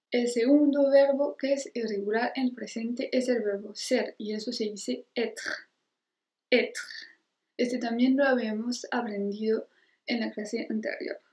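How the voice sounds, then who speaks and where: A French woman teaching a beginner French lesson in Spanish, slowly modeling each verb form for learners to repeat. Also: a little high, a little mellow, reverberant. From France. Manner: slow, careful modeling of French conjugations. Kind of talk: language lesson.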